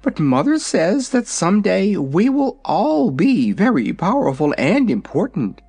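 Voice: medium pitch, sing-song, a little slow, darkish tone, slightly rough, voice pushed up, exaggerated voice. A storybook reader voicing a proud, hungry young dragonette in a lofty, matter-of-fact manner. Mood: haughty.

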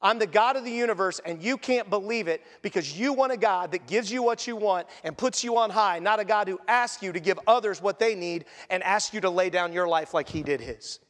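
High-voiced man preaching in a reverberant hall. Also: fairly quick, hardly any pauses. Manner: earnest, conversational preaching with sudden quiet drops. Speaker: pastor. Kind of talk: sermon.

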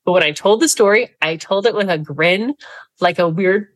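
A woman in her forties from Canada, a guest speaker telling personal stories in a candid interview, earnest and animated, laughing through hard moments. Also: lowish voice, normal speed, low-quality recording.

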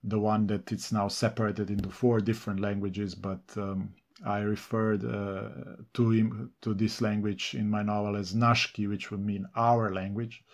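Answering interview questions in English, this Slovenian novelist, a native Serbo-Croatian speaker, reflects aloud with frequent pauses, fillers and false starts. He speaks in a fairly low voice with little pitch movement.

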